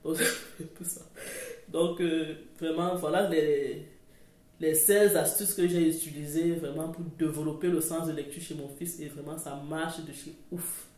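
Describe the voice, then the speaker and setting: A woman's voice: sits low, fairly even intonation, measured pace, darkish tone. Woman chatting to camera about her kid, rambly, fixes her words a lot, echoey room. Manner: chatty, rambling, self-correcting. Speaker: parenting vlogger. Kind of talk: casual chat to camera. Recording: roomy echo.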